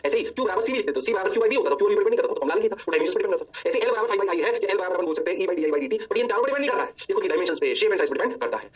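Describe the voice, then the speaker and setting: एक पुरुष भौतिकी शिक्षक, हिंदी लहजे में, खेल-खेल में खुद ही छात्र बनकर जवाब देता हुआ जोशीला लेक्चर देता है।. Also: male voice, high-pitched, breathy edge, recorded from a distance. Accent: Hindi. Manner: playful, answers himself in a student's voice. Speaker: physics teacher. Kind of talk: energetic lecture.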